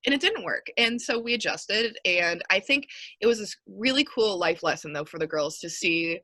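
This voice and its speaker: A woman's voice: medium pitch, expressive, moderate pace, bright, forceful tone, dry recording, low-quality recording. A young woman in her twenties, a basketball coach, talking casually and upbeat in an interview, rambling with lots of fillers.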